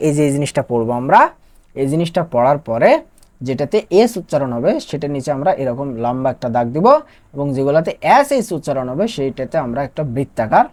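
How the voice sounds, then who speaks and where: Lively Bangladeshi woman teaching a class. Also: deep voice. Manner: lively, asks and answers own questions. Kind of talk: online class lesson.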